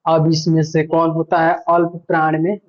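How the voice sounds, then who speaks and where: A man's voice: fairly high pitch, monotone, moderate pace, lo-fi sound. A male teacher giving an online grammar lesson, patiently repeating points and asking himself questions.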